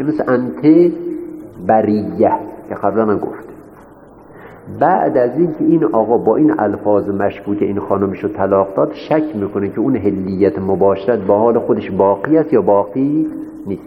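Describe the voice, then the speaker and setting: A man's voice: fairly low pitch, expressive. A man teaching a seminary class, repeating each point and asking his students rhetorical questions. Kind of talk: classroom lecture. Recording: echoey hall, dull lo-fi sound with faint noise.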